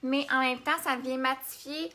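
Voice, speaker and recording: A woman's voice: sits high, fairly even intonation, moderate pace, sharp tone. A young woman with a Québécois accent hosting a casual makeup live stream, chatting and answering viewer comments as she works. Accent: Québécois French.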